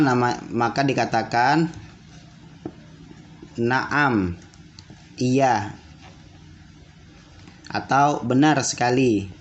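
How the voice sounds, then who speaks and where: Slow, patient man teaching. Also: mid-range voice, a bit bright. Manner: repeats words slowly and asks questions back. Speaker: Arabic teacher. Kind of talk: classroom lesson for children. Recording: dull lo-fi audio with faint room noise.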